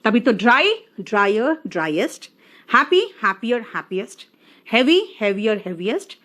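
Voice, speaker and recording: A woman teaching an English grammar lesson, coaxing her students and drawing out the example words slowly. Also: fairly high pitch, sing-song, a bit bright.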